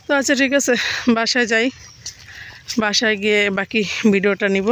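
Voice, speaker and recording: Soft-spoken woman vlogging on a walk. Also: medium pitch, fairly quick, a little hiss or hum. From Bangladesh. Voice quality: slightly muffled by a face mask. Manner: soft-spoken, talks quietly in public. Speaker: village life vlogger. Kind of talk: casual walking vlog. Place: outdoors on a village road.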